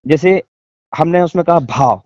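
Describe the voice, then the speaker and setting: A man's voice: on the high side, unhurried, darkish tone, dry recording, lo-fi sound. A man, a guest in a casual conversation, describing things in a searching, repetitive way over a video call. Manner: searching, repetitive, thinking aloud.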